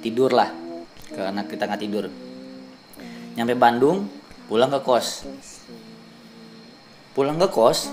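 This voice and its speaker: A young man from Indonesia telling a ghost story to the camera in a casual vlog, acting out the voices of the people in it. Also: mid-range voice. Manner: animated storyteller, acts out quoted voices. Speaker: vlogger.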